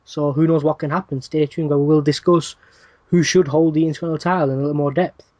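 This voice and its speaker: Male podcast host, brisk casual news rundown, dry asides, bit higher register. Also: level tone, darkish tone, dry recording. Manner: reads news items quickly with frequent "uh" fillers and dry asides.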